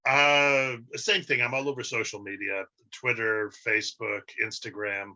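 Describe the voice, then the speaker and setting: A man's voice: fairly low pitch, level tone, measured pace, pushed and bright, lo-fi sound. A man, a guest writer on a podcast, chatting casually with wry, joking asides. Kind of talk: casual interview chat.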